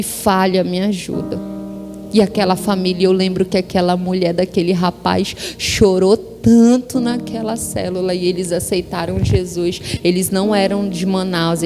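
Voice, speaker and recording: Animated Brazilian woman preaching in a hall. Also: lowish voice. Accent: Brazilian Portuguese. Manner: animated storytelling, acting out dialogue. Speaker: pastor's wife preaching. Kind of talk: testimony sermon. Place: church hall with worship music behind. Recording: long hall reverb, music underneath.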